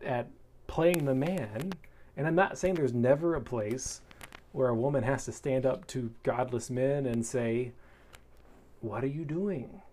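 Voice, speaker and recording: A married man, hosting his own talk, who reads passages from a text in a steady tone and breaks off into conversational asides that turn loud and animated, with fillers and short laughs. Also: a little high. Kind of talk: reading a text aloud and commenting.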